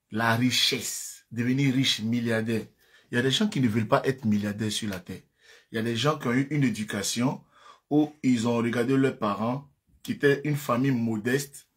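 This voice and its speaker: A man hosting a casual live stream, speaking directly to his viewers, often repeating himself. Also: breathy edge. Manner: taunting, laughing, rising to shrill highs; repetitive, addresses viewers directly. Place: at home, seated. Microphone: phone or webcam.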